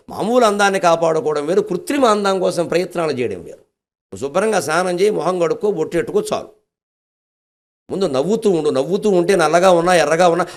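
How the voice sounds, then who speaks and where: An older man with a Telugu accent delivering a devotional discourse, telling the epic with humorous asides and acted-out quotes. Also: high-pitched. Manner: animated storytelling, acting out quotes, humorous asides. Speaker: spiritual discourse speaker.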